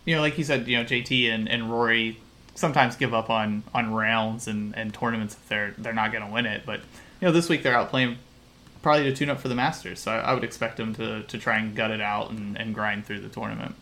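A man's voice: on the low side, steady tone, a little fast, pushed and bright. A man co-hosting a casual sports betting podcast, talking in a rambling, analytical way with frequent restarts. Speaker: podcast co-host.

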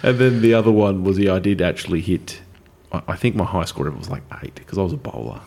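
A man's voice: deep voice, lively intonation, quick pace, a little mellow. A man with an Australian accent hosting a casual podcast, bantering and rambling in a jokey way. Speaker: podcast host. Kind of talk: casual chat.

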